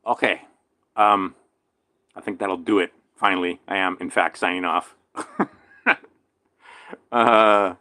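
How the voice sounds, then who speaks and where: A man from Hawaii with a slight lisp from a damaged tooth, rambling through a casual monologue, swinging between loud emphatic bursts and low mutters. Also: no room sound. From island in Hawaii. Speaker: vlogger.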